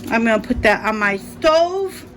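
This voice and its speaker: A woman's voice: a little high, big pitch swings, a little slow, noisy background. A woman with a mild speech impediment, chatting casually as she narrates her cooking in a home kitchen, thinking aloud and correcting herself as she goes. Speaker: cooking vlogger.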